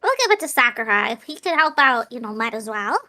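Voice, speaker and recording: A woman playing a tabletop game, playful and relaxed as she describes her character's spells. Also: fairly high pitch, a little fast. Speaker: player.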